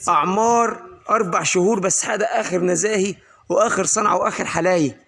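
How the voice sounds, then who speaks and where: A man with an Upper Egyptian Arabic accent giving an exclamatory, repetitive livestock sales pitch in the manner of a street vendor's chanting cry. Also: fast talker, creaky, a bit bright. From Egypt, Asyut in Upper Egypt. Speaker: livestock seller presenting his sheep for sale. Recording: noisy recording with animals bleating. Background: sheep bleating.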